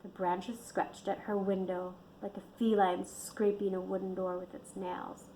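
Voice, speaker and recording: A woman reading her own book aloud in a steady storytelling manner. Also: medium pitch, unhurried, slight background noise, poor audio. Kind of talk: audiobook narration.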